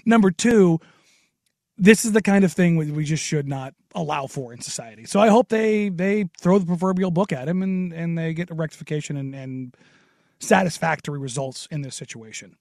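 A man with an American accent and a raspy, hoarse smoker's voice, chatting casually and bluntly as a sports radio host. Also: fairly high pitch, normal speed, darkish tone, dry recording, clean studio sound. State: hoarse from long covid. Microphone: close studio radio microphone.

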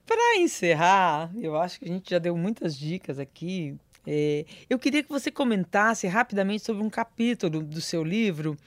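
A woman's voice: mid-range voice, dry recording. A woman interviewing a guest and prompting her with short questions.

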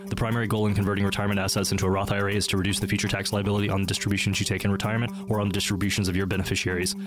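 A male announcer reads scripted legal fine print extremely fast. His lowish voice stays formal and even, with music clearly playing underneath. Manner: formal, uninflected. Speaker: disclaimer announcer. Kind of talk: scripted legal disclaimer read.

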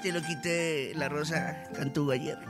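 Slangy joking Mexican man over loud music. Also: a little high, steady tone, a little slow. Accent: Mexican Spanish. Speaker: radio show regular. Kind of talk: morning radio banter. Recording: radio studio with loud music bed.

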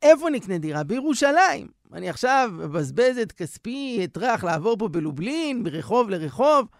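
A man's voice: high voice, very animated, no room sound, studio quality. A man voicing an elderly pious rabbi who eagerly awaits redemption, talking in a fervent, exclamatory way.

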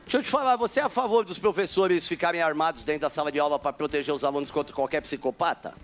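Fast, high-voiced joking street reporter man. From Brazil. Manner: loud, teasing, rapid banter. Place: busy city street outdoors.

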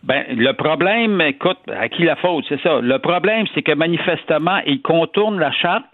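Male columnist, Quebec French accent, thin phone-like audio, higher pitch, colloquial commentary, emphatic repetition. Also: expressive, moderate pace, dry recording. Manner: colloquial, repeats words for emphasis. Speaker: financial columnist and radio contributor. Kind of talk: conversational commentary. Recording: narrow phone-like line.

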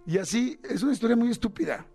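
A man, a radio host telling a jokey personal story in a casual, animated way. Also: very high voice, quick pace, vocal fry, faint music behind. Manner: jokey, animated, mimics voices in quotes. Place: radio studio.

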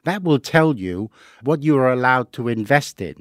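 A middle-aged man from Hong Kong talks on a podcast, laying out sums step by step in a patient, teacherly way. His pitch sits in an ordinary middle range. The recording is dry and close, with no room sound. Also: lively intonation, normal speed, dry recording. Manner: patient, explains step by step with worked examples. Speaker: investing guest. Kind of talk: podcast interview.

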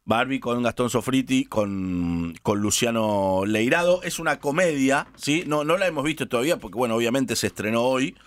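A male interview host with an Argentine accent asks questions in a playful, teasing tone. His voice sits at a middle pitch and sounds dry and close, with little room around it. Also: animated, normal speed, hardly any pauses, no echo. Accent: Argentine Spanish. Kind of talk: casual interview chat.

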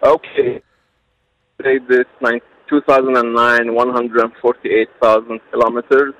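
A man's voice: medium pitch, level tone, a little slow, a bit bright, no room sound. A man calling in to a radio show on a phone line, speaking in short, clipped phrases. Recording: distant phone line, cutting out.

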